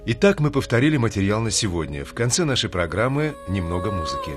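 A man hosting a scripted radio language lesson, reading in an even, measured way. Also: lowish voice, over music.

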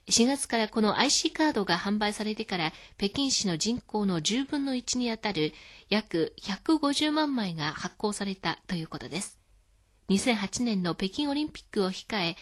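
A woman hosting a scripted radio lesson, explaining words calmly. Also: medium pitch. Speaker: Chinese language teacher.

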